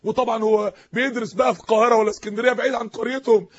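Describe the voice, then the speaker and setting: A man with an Egyptian Arabic accent preaching an emotional, impassioned sermon that rises to shouts, on a dull lo-fi recording. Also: very high-pitched, steady tone, racing, a little hiss or hum.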